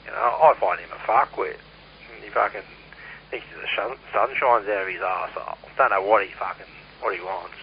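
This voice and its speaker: Over a muffled, noisy CB link, an Australian man rambles in an easygoing, sweary, blunt way. He speaks fairly quickly in a somewhat low voice and works as a CB radio operator.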